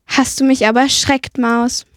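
A woman voicing a worried, gentle male donkey in a children's radio story, speaking slowly and earnestly. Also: high-pitched, flat delivery, no echo, lightly acted. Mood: relieved. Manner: fretful, slow and earnest.

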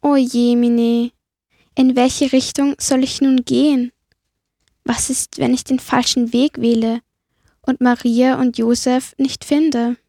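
A woman voicing a worried, gentle male donkey in a children's radio story, speaking slowly and earnestly. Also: sits high, little pitch movement, dry recording, clean studio sound, full character voice. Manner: fretful, slow and earnest.

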